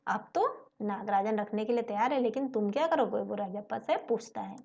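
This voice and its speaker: A woman's voice: medium pitch, normal speed, vocal fry, a little mellow, lo-fi sound. A woman teacher explaining a story lesson, retelling each line and then paraphrasing it with rhetorical questions.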